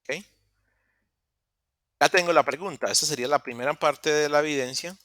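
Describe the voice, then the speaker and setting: A man's voice: fairly high pitch, a bit bright, no echo, clean studio sound. Patient man teaching an online class. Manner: patient, explains step by step with pauses and self-corrections. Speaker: English teacher. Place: online meeting room.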